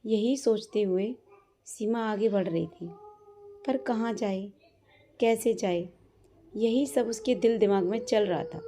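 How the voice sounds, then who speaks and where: Mellow-voiced woman telling a sad story. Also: fairly high pitch, a little hiss or hum. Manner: soft, emotional storytelling. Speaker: storyteller, channel host. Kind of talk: scripted dramatic story narration.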